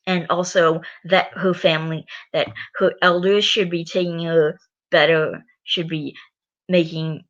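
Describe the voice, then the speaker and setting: A very tired woman with a fairly low, level voice speaks a little slowly as host of a channel where she reads stories. Her casual commentary drifts into rambling, exasperated asides, and the recording is dull and lo-fi.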